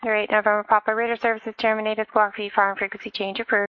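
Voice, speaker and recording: A woman's voice: medium pitch, level tone, fast. A woman working as an air traffic controller, giving matter-of-fact procedural instructions over radio. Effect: radio transmission. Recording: dull band-limited radio audio.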